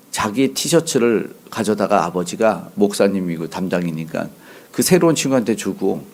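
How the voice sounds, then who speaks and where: A man preaching an expository dawn sermon as pastor, earnest, his voice rising when he voices the cries of the afflicted. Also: darkish tone. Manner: earnest, rises in pitch when voicing Job's cries.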